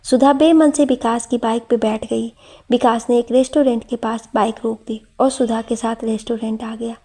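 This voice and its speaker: A woman narrating an emotional story in a steady storytelling voice. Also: fairly high pitch, moderate pace, husky.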